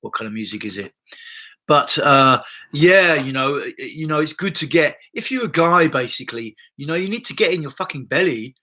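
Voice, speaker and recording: On a laptop mic, a body-based therapist rambles loosely through viewer comments during his livestream, restarting often and swearing freely. His voice sits a little high, expressive and sharp-toned, at a normal speed.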